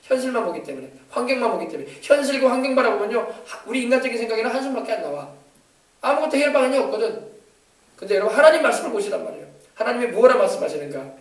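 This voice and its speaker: A man pastor preaching a sermon, emphatic and exhorting, moving between loud commands and quieter asides. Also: very high voice, sing-song, rapid-fire. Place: church sanctuary. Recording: echoey church hall from far off.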